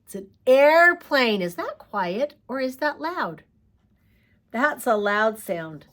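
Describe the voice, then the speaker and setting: A woman teaching preschoolers, talking slowly in a coaxing, sing-song way as she asks questions and praises answers. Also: fairly high pitch, sing-song, a bit bright. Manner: slow, sing-song, coaxing talk to small children. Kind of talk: children's lesson.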